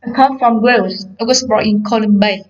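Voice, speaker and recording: A woman reading the part of a friendly young male university student in a scripted textbook dialogue, slow and careful. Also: fairly high pitch, steady tone, natural voice. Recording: slightly dull lo-fi course audio.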